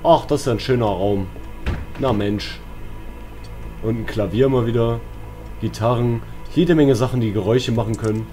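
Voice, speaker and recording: Over game music and sound effects, a man with a German accent plays a horror game and comments casually in a mid-range, mellow voice at normal speed. He pauses often, talks to himself and lets out jumpy exclamations as a let's player.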